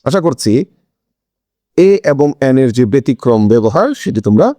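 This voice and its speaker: A man's voice: mid-range voice, expressive, normal speed, dark tone, no echo. A man teaching an English grammar lesson in a video, explaining step by step and asking questions that he answers himself.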